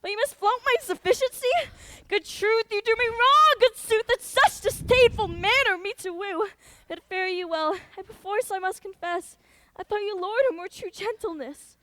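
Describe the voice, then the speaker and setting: A woman's voice: very high-pitched, moderate pace, fairly bright tone, a little hiss or hum. A woman playing the lovelorn young Helena in a school stage play, pleading and then indignant. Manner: pleading, rising to indignant outbursts.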